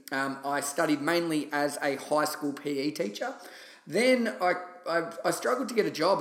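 A man's voice: on the high side, a bit bright. An Australian-accented man hosting a podcast, telling personal stories in a casual, chatty, enthusiastic way. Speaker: podcast host. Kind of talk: casual solo podcast storytelling. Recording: roomy, echoey sound.

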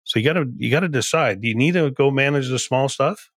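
A man's voice: mid-range voice, fast, dry recording. A man, a company CEO, guesting on a podcast and explaining leadership in an emphatic way, often repeating and restarting phrases. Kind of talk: conversational podcast interview.

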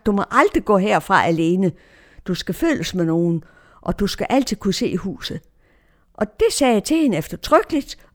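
A woman's voice: medium pitch, darkish tone. A woman giving a personal faith testimony in an emotional way, her tone swinging widely.

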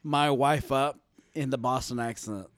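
A man's voice: mid-range voice, measured pace, a little hiss or hum. A man, a podcast guest chatting casually with jokes and lots of swearing. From Texas. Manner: profane, jokey.

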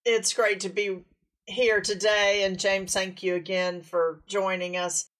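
A woman co-hosting a podcast, asking her guest questions in a measured way. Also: medium pitch, flat delivery, fairly bright tone, far from the mic. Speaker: podcast co-host. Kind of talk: interview host.

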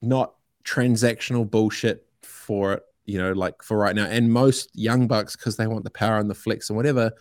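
A man's voice: on the low side, steady tone, moderate pace, hardly any pauses, no room sound, clean studio sound. A middle-aged man with a New Zealand accent, talking casually and emphatically as a podcast guest, with plenty of slang and swearing. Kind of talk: casual opinionated conversation.

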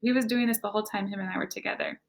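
A young woman with a gravelly, creaky edge to her voice tells her own story as a guest. She speaks candidly and slips into quoted back-and-forth dialogue as she recounts what happened. Her pitch sits in the middle range for a woman. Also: steady tone, very fast. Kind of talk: personal testimony.

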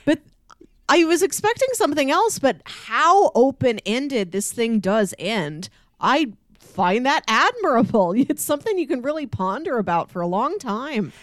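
A woman with a high, sing-song voice talks at a measured pace in a dry recording. She is chatting casually on a podcast, explaining things conversationally and slipping into acted-out quotes.

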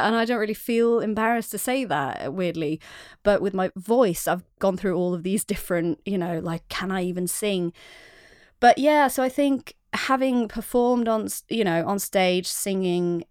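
A young woman who acts and sings talks candidly as a guest on a casual podcast interview, restarting often as she tells her story. Her mid-range voice is captured at studio quality with no echo.

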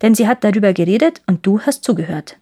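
A woman's voice: medium pitch, lively intonation, fast talker, dark tone, husky. A woman voicing a fierce, bossy little robber girl who talks bluntly and teasingly in a storybook reading.

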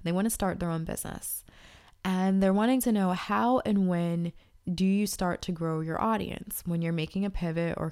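A woman hosts a podcast, talking casually and reading ads while giving upbeat, direct advice, though she's congested from allergies. Her voice is medium-pitched with a darkish tone.

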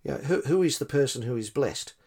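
A man's voice: mid-range voice, expressive, a little fast, creaky, darkish tone. A man taking part in a Bible study discussion, speaking hesitantly and searching for words, with stumbles and restarts. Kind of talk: reflective group discussion.

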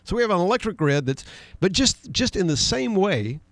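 A man's voice: sits high, very animated, normal speed, a bit bright, dry recording. A middle-aged man co-hosting a conversational political talk show, speaking emphatically, reading news headlines aloud and keeping up a running exchange with his co-host.

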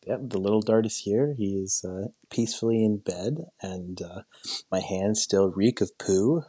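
A man's voice: on the low side, unhurried, warm tone, slightly rough, dry recording. A man chatting casually and joking crudely, speaking on a phone from a basement at home. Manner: jokey, crude humour. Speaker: guest on a sports talk show.

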